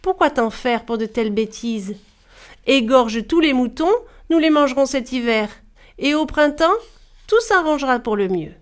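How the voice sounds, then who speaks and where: A woman's voice: high-pitched, lively intonation, moderate pace. Karachash, a sly wife, as a woman reads her. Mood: reassuring. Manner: sly, playful mock-respect. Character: clever young wife Karachash, bold and cheeky.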